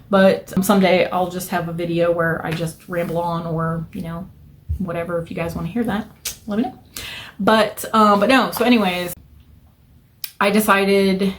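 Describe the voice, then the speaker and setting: A young adult woman talks to camera from a room at home, her nail polish wall behind her. She rambles, restarts her sentences and leans on fillers. She sounds a little self-conscious. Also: medium pitch. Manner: self-conscious, nervous hand habit. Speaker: nail art vlogger. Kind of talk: casual storytelling vlog.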